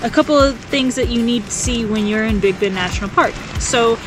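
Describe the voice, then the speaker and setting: A young woman hosts her own motorcycle travel vlog, talking to the camera in a relaxed, chatty way. She sounds upbeat and laughs easily between remarks. Music plays clearly behind her voice. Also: on the high side, a little fast, poor audio. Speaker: motorcycle travel vlogger, host. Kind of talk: casual vlog chat to camera. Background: background music.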